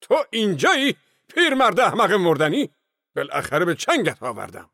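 A man voicing a huge, hot-tempered male villager who shouts threats and hisses with rage in an audiobook. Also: on the high side, big pitch swings, dry recording, studio quality, pitched above the performer's own voice. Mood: raging. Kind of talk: audiobook character voice.

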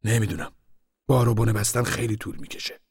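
A man's voice: fairly low pitch, a little mellow, slightly rough, no echo, clean studio sound, in a large hall, voice pushed up. A man voicing a timid, beaten-down older squatter who gives hesitant, downcast answers, in a storybook reading.

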